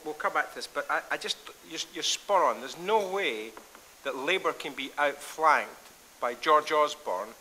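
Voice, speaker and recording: Male panel chair, casual and chatty, higher bright voice. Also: a little hiss or hum, poor audio. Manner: chatty and informal, with restarts.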